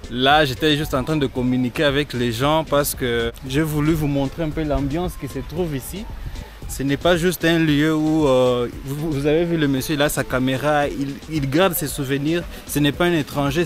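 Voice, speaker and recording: Vlogger, music behind. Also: male voice, on the high side, fairly even intonation, moderate pace. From Congo (DRC). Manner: chatty, switches between French, Lingala and English. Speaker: vlogger and interviewer. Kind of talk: casual vlog interviews. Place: outdoors at a riverside resort.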